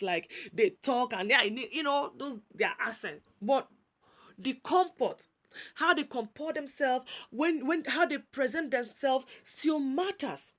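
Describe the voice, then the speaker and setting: This is a commentary vlogger, a Nigerian woman whose high voice carries lively, informal remarks. Frequent restarts and repeated words mark her talk as it shifts between English and Pidgin.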